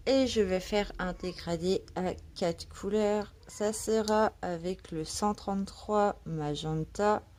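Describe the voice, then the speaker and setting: A cat meows nearby as a freshly woken woman talks about her coloring in a relaxed home vlog, tentative and chatty with plenty of fillers. Her medium-pitched, slightly mellow voice moves slowly, with few pauses.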